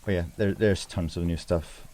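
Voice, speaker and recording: A man's voice: deep voice, steady tone, normal speed, mellow. A man giving casual livestream commentary on his own speedrun, informal and rambling as he thinks aloud.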